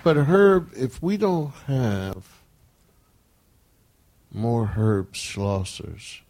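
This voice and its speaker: An older man talking in a slow, rambling, storytelling way, often chuckling between thoughts as an interview guest. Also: lowish voice, darkish tone. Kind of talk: casual storytelling conversation.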